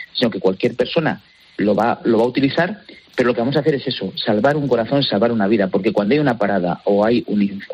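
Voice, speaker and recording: A man's voice: mid-range voice, slight background noise. A man, a guest on a radio interview, talking earnestly and persuasively and repeating himself for emphasis. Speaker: guest promoting defibrillators.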